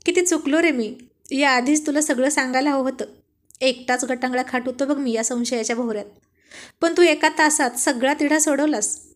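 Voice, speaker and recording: A woman doing a jealous young husband and boss in a spoken storybook, irritable and blustering. The voice stays high-pitched. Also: steady tone, moderate pace, close to an everyday voice. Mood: overjoyed.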